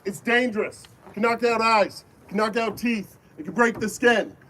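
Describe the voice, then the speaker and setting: A man's voice: high voice, moderate pace, sharp tone. A man leading a safety briefing for a crowd outdoors at an airsoft field, firm and commanding, with call-and-response chants. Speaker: airsoft event briefing leader. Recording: distant voice with faint background noise.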